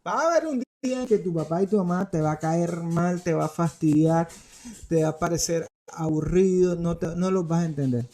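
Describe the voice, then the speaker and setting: A man preaching in an animated, conversational way, dropping in playful asides. His voice sits fairly high for a man but has a dark, mellow color. A gravelly rasp runs through his words. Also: fairly quick. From Colombia. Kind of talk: sermon to parents and youth. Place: studio.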